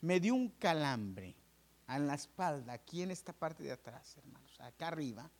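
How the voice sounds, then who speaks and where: Animated preacher telling his story. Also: on the high side, moderate pace. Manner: animated storytelling, addresses listeners as brothers; acts out dialogue with doctors and nurses. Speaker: pastor. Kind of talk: sermon testimony.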